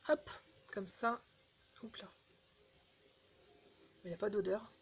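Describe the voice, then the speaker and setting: A woman casually chatting through a beauty haul, halting with fillers and restarts, recorded on a phone indoors. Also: mid-range voice, steady tone, creaky, a little hiss or hum. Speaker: beauty vlogger.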